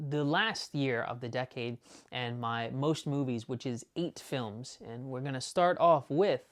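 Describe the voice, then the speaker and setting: A man's voice: medium pitch, clear, resonant tone. A man casually showing off his movie disc collection, rambling enthusiastically with lots of fillers and restarts. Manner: talks fast at times. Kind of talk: casual unboxing chat.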